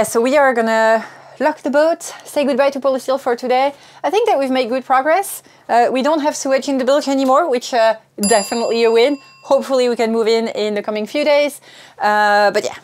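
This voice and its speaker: Wearing a clip-on wireless lapel mic, a woman in her thirties who vlogs about sailing speaks openly and casually to the camera as she explains things. She talks a little fast with a fairly high pitch, over background music and a little hiss or hum.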